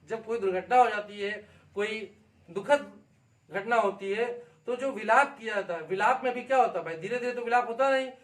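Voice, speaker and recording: A man with a high voice teaches an exam-prep lesson, explaining with energy and often checking that his students follow. The mic sits some way off, and the room echoes a lot. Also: distant mic. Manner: lively explaining, frequent check-ins with students.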